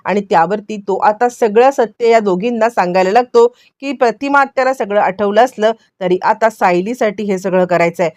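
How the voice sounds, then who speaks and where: A woman's voice: mid-range voice, normal speed, few pauses, darkish tone, no echo, studio quality. A woman retelling a TV serial plot, chaining events with repeated linking phrases and quoted dialogue. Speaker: storyteller.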